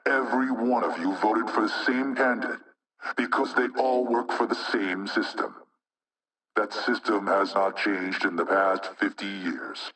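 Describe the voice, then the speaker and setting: For a video game propaganda broadcast, an actor plays an anonymous male hacktivist spokesman, his low, sharp voice measured, rhetorical, and insinuatingly menacing. The audio is low quality and recorded from a distance.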